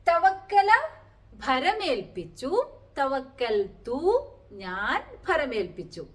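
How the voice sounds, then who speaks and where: A woman teaching the meaning of Quranic prayers word by word, explaining slowly and asking rhetorical questions. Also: sits high, sing-song. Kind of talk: Quranic Arabic lesson.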